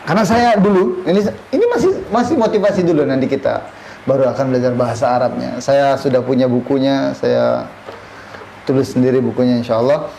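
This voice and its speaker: A man's voice: medium pitch, brisk, creaky, dark tone. A man from Indonesia in his thirties teaching a classroom lesson, quizzing his students and mixing Arabic phrases into his talk. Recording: echoey classroom, faint room noise.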